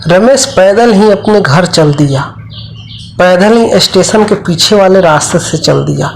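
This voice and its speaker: A man's voice: sits high, expressive, a little slow, vocal fry, soft background music. A man narrating a cartoon horror story in a plain, repetitive way.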